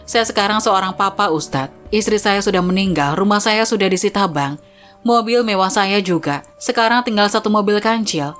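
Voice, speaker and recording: Woman reading an older guy begging through sobs, regretful, soft music under it. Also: mid-range voice, normal speed, close to an everyday voice. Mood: pleading. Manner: pleading. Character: older rich man, remorseful and sobbing.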